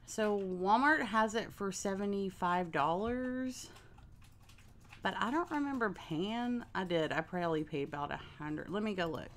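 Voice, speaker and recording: A woman's voice: mid-range voice, measured pace, fairly bright tone. A woman in her forties with a nasal voice, hosting a casual live sewing stream from her home craft room on a desk mic. She chats in a rambling way and talks straight to her viewers. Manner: chatty, addresses viewers directly, rambling. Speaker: craft livestream host.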